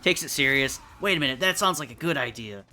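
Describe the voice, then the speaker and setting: A man's voice: medium pitch, expressive, fast, bright, forceful tone, soft background music. A man hosting a casual community roundtable, teasing and laughing with the others. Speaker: host. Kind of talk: casual chat. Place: streamed roundtable on mic.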